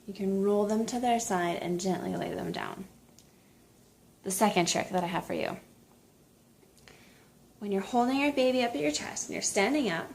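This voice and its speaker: Chatty young mom with a gravelly fry. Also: female voice, medium pitch, a little mellow, slight background noise. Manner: upbeat, chatty, instructive. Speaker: mom vlogger. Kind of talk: casual vlog chat and parenting tips.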